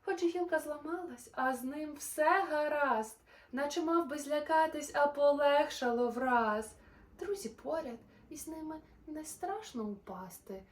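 A woman reading a rhyming children's story aloud. She is expressive and playful, changing her loudness and pace. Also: high-pitched, measured pace, recorded from a distance.

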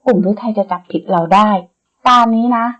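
A woman voicing a bossy, blunt young woman who leads her friends, speaking briskly in an audiobook. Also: mid-range voice, fairly bright tone, close to an everyday voice, rough recording. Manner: brisk and commanding. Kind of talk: audiobook character reading.

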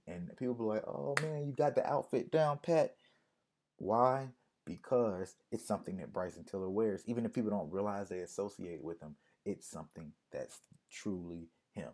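A man with a low, mellow voice who is losing it a little, talking casually straight to his viewers. He explains things in a relaxed way and circles back to repeat his main points. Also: slightly rough. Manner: conversational, repeats key points for emphasis. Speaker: music marketing consultant.

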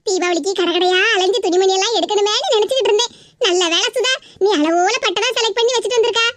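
A proud elder sister in a cartoon who is easily flattered, as a woman voices her. She speaks in a pleased, indulgent way in Tirunelveli Tamil. The voice is very high, with a faint hiss behind it. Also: quick pace.

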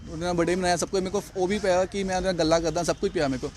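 An agitated young man talks in a rapid torrent, his voice pitched high. He repeats himself as he answers reporters on the street, with a faint hiss of noise behind him. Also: fairly even intonation, darkish tone. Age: young adult. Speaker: interviewee. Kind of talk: street interview.

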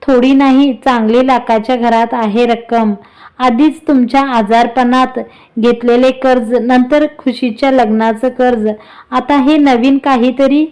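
A woman's voice: high-pitched, steady tone, a little slow, a little mellow. A woman voicing an anxious, practical middle-aged mother in a read-aloud story. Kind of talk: storybook reading.

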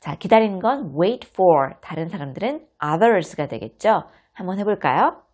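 A woman in her thirties with a husky voice, patiently explaining everyday English phrases to parents step by step. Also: fairly low pitch, big pitch swings, measured pace, a little mellow. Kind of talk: explanatory lesson.

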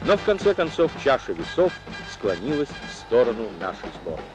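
A man's voice: mid-range voice, sing-song, normal speed, rough recording. A man narrating an old newsreel in a formal, declamatory reporting manner. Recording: narration over loud music.

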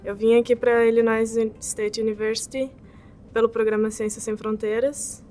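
A woman's voice: fairly high pitch, flat delivery, normal speed, dark tone, faint music behind. A young woman, an exchange student in an interview testimonial, chatty and often adding "sabe?". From southern Brazil. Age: young adult. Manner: chatty, ends phrases with "sabe?". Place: indoor campus building.

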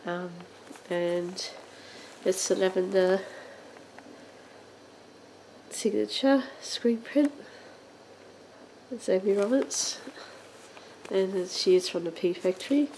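Slow, hesitant woman showing off a doll. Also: medium pitch, warm tone, a little hiss or hum, rough recording. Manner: hesitant, many ums and uhs, halting phrasing; occasional coughs. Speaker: doll collector channel host. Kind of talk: casual show-and-tell narration. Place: indoors at home, on a sofa.

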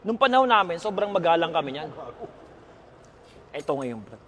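High-voiced man telling a comic story. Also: normal speed. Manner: animated, repeats lines for effect, laughs while telling. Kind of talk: comic storytelling to a laughing group. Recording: loud crowd laughter around him.

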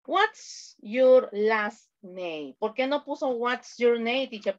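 A woman with a Salvadoran Spanish accent teaching an online English class, drawing out model phrases slowly. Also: a little high. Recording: dull lo-fi audio.

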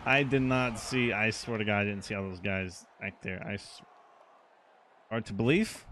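Excitable man commenting on a football game. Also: on the low side, moderate pace, a little hiss or hum. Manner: excitable, reacting to plays aloud. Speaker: gaming channel host.

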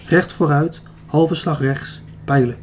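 A man's voice: on the high side, takes it slowly, slight background noise. A man reading a young archer commander's orders. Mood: commanding. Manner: short barked battle orders. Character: young male archer commander, calm and decisive.

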